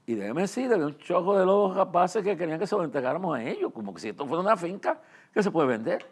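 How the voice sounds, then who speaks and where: Speaking straight to his audience, this older preacher and ministry leader with a Puerto Rican accent shares personal testimony in an informal religious talk. His high-pitched voice is expressive and slightly rough, and he's earnest, hesitant, and given to repeating phrases.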